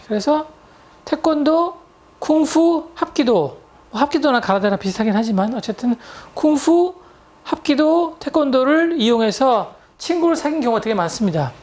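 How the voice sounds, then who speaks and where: Chatty woman telling stories, fairly high voice. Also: darkish tone. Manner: chatty anecdotes with English words mixed in. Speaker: English tutor and lecturer. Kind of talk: storytelling lecture to viewers.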